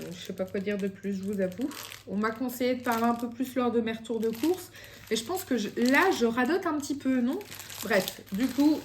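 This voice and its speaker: A young woman with a Belgian French accent, chatting casually through a shopping haul at home, hesitant and full of fillers. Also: on the high side. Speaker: vlogger. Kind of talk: casual grocery haul chat. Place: home, near the kitchen.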